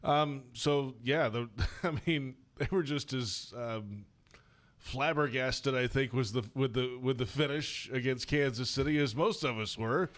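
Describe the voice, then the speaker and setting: A man's voice: mid-range voice, unhurried, fairly bright tone. A man hosting a sports radio show in a casual conversational style.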